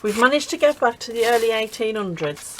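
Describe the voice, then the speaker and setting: A woman's voice: fairly high pitch, expressive, fairly quick, background noise. A middle-aged woman chatting casually while crafting, laughing often and restarting her sentences. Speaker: craft channel host.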